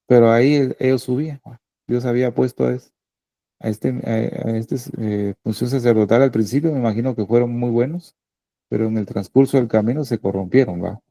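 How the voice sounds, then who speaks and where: A male pastor preaching a sermon in a conversational way, often checking in with the congregation through quick tag questions. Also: mid-range voice, warm tone, no room sound.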